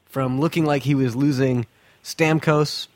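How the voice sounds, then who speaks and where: A man's voice: mid-range voice, fairly even intonation, measured pace, no room sound. A man hosting a casual sports podcast from an attic, speaking bluntly and profanely with strong opinions. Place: attic of a house, recording in summer heat.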